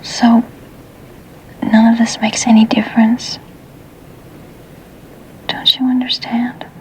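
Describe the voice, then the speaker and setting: An actress playing an ashamed, despairing young runaway in a TV police drama, halting and defensive in a hushed, breathy voice. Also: female voice, a little high, flat delivery, in a whisper, poor audio.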